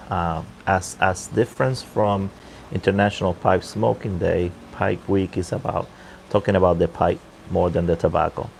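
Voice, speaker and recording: A man talking casually off the cuff on a livestream, halting and unhurried, keeping his voice down outdoors on a balcony. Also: low voice, creaky, darkish tone. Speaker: livestream host and pipe hobbyist. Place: outdoor balcony at night near a pool. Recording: faint water noise in background.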